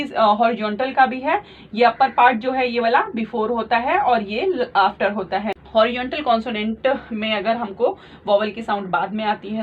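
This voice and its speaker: Female teacher, patient and repetitive, slightly high voice, dull lo-fi mic. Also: a little hiss or hum. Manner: slow, patient, repeats each point, mixes English terms into Hindi. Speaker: shorthand teacher. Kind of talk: explaining lesson at a board. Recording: muffled lo-fi audio.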